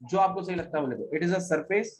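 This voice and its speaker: A man's voice: sits high, brisk, poor audio. A male maths teacher giving a classroom lecture, repeating key phrases and quizzing his students as he goes.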